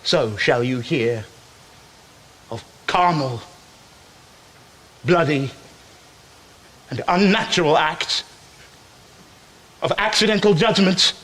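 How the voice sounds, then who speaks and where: Slow, solemn, grieving loyal friend. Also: male voice, on the high side, a bit bright. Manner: measured, solemn verse delivery. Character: loyal, grieving young scholar, friend of the prince. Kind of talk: classical Shakespearean stage acting.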